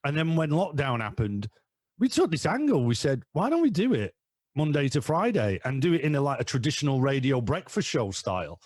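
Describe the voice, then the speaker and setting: A man's voice: a little high, very animated, brisk, a little mellow, dry recording, studio quality. A middle-aged man from northern England chatting enthusiastically as a podcast guest, rambling with restarts. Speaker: podcast guest, father and co-host of a fan podcast. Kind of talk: casual chat.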